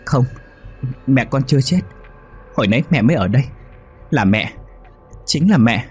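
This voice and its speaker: A man with a husky voice voicing an anxious, grieving young woman who pleads through tears. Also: mid-range voice, animated, moderate pace, a little mellow, faint music behind, pitched above the performer's own voice. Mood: tearful. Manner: pleading, tearful.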